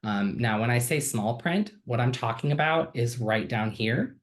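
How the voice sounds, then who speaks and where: A student casually and enthusiastically demos a digital textbook feature over screen share, with frequent ums and uhs. His medium-pitched voice has lively intonation and a moderate pace.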